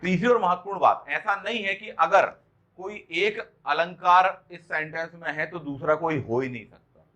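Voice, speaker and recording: A man teaching an exam-prep lecture, explaining step by step, checking understanding with questions and reading example lines slowly. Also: on the high side, pushed and bright. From India.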